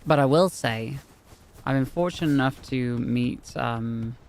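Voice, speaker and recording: A man's voice: medium pitch, a little slow. A man streaming a video game, chattering casually to himself, grumbling and swearing as he plays. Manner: animated, grumbling, swears often, talks to himself. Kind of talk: casual live-stream commentary.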